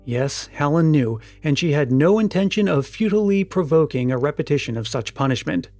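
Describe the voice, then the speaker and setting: A man reading a story aloud in even, measured narration that slows for dramatic moments. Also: fairly high pitch, dry recording, soft background music. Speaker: audiobook narrator. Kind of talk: scripted narration.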